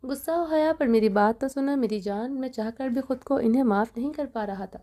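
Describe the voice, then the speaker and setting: A woman's voice: high voice, warm tone, natural voice. A woman voicing a grown mafia leader who pleads emotionally with his wife, in an audio novel reading. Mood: pleading.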